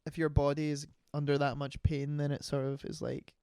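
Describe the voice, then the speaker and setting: A man's voice: on the high side, monotone, brisk, mellow, clean tone, dry recording, clean studio sound. A young man co-hosting a casual book podcast, rambling off on tangents and talking about himself in a self-deprecating way. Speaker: podcast co-host. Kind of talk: casual chat.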